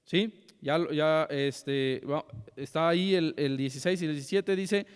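A young man teaches a church Bible class, talking to his listeners in a conversational way and checking in with them often. His voice is smooth and resonant and sits a little high. It carries the long echo of a big hall. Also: a little slow. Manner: conversational, often asks "¿sí?" and addresses "hermanos".

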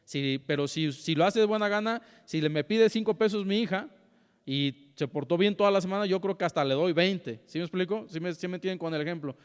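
A young man teaches a church Bible class, talking to his listeners in a conversational way and checking in with them often. His voice is smooth and resonant and sits a little high. It carries the long echo of a big hall. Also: a little fast. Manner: conversational, often asks "¿sí?" and addresses "hermanos".

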